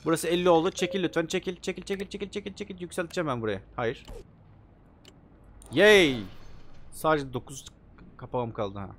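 A young man playing a video game, commenting excitedly and joking as he talks to the characters on screen. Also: a little high, a little fast, pauses often, a little hiss or hum. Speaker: gaming YouTuber. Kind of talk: let's play commentary.

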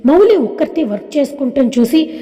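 A woman's voice: high-pitched, sing-song, a little fast, dark tone, long reverb tail. A woman narrating a serialized drama story in a scripted reading.

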